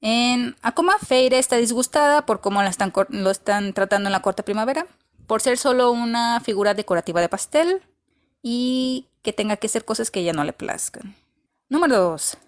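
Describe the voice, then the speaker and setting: A woman's voice: a little high, moderate pace. A woman giving a casual, opinionated book review, blunt and emphatic, with dry sarcastic asides.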